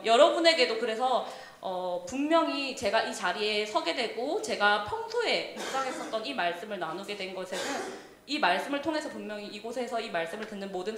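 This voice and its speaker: A young adult woman leader preaching a sermon in a church, telling stories in an animated way and speaking directly to the congregation. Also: on the high side. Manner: animated storytelling, often laughing, addresses the congregation directly. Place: church sanctuary. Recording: echoey church hall.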